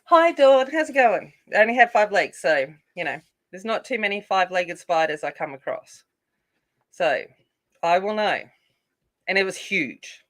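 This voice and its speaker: An animated woman with a mid-range, slightly bright voice hosts a coloring channel, chatting casually with live viewers as she works. She speaks at normal speed, rambles with lots of fillers, and admits her voice isn't soothing.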